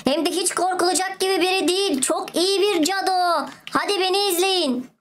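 A woman voicing a gentle beggar boy who quietly reassures his friends. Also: very high-pitched, moderate pace. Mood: reassuring. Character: gentle soft-spoken beggar boy guide.

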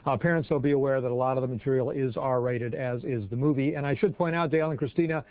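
Male TV reporter, crisp broadcast delivery. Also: mid-range voice, no room sound, phone-quality sound. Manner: brisk, measured reporter delivery. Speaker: TV news reporter. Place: office newsroom with desks and computers.

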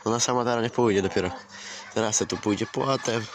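A man's voice: fairly low pitch, quick pace. A man vlogging casually in his farmyard, chatting to viewers and coaxing and scolding his chickens, swearing now and then. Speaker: poultry keeper vlogger. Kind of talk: casual outdoor vlog. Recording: outdoor camera audio, clear farmyard noise. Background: clucking hens and a crowing rooster.

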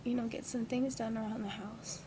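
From a hospital bed indoors, a twenty-year-old woman speaks at normal speed into a nearby built-in mic for a casual vlog. The delivery is flat, the pitch fairly high, and her manner groggy and low-key, with noisy amateur webcam audio.

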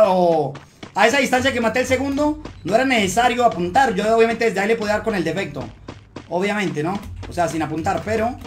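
Man, gaming streamer, high voice, chatty commentary, noisy stream with clicks. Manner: chatty, talks himself through fights, mutters to calm down. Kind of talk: live gameplay commentary.

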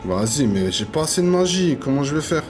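A man giving live gameplay commentary, slangy and excitable, swearing and trash-talking enemies and repeating phrases. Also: a little high, fairly quick, music in the background. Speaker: gaming YouTuber.

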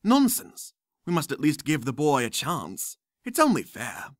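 A man voicing an eccentric old male headmaster wizard in a storybook reading, with a hearty, booming delivery. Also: wildly swooping pitch, measured pace, dry recording, studio quality. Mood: assured.

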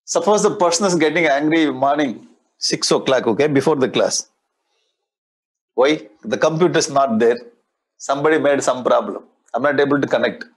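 A man in his sixties with a South Indian accent and a husky voice, lecturing on scripture as a spiritual teacher in a conversational way, often repeating phrases. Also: mid-range voice, moderate pace, rough recording. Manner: conversational, repeats phrases, explains with everyday examples. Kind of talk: lecture explaining Sanskrit scripture. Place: indoor studio in front of a display board. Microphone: lapel mic.

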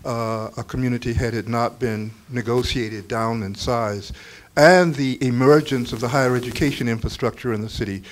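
An older man, a book author on a panel, answers audience questions with deliberate, self-correcting speech and frequent fillers into a handheld mic in a crowded room. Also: medium pitch, steady tone. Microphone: handheld microphone.

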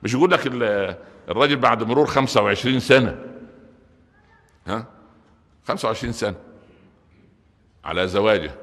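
A middle-aged man with an Egyptian Arabic accent giving a Friday sermon, animated, shifting between loud outbursts and quiet asides. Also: lowish voice, brisk, pauses often. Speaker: preacher. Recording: reverberant hall.

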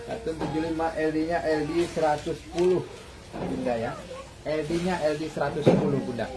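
A man pitches clothes live from a shop floor. His voice sits a little high, and he calls out to customers in a repetitive hawker's patter. Some noise surrounds him on the phone recording. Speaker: live online clothing seller. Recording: clearly noisy shop live-stream.

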